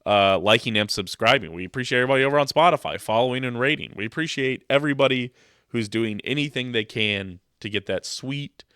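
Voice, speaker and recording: A podcast host, a young man stuffed up with a cold, talks fast in a mid-range, bright, forceful yet smooth voice. He rambles and jokes loosely about sports into his microphone, recorded dry with clean studio sound.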